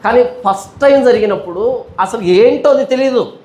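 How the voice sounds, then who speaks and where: A man's voice: very high-pitched, moderate pace, warm tone. A male pastor teaching a Bible study sermon, asking rhetorical questions and repeating them, with everyday storytelling examples.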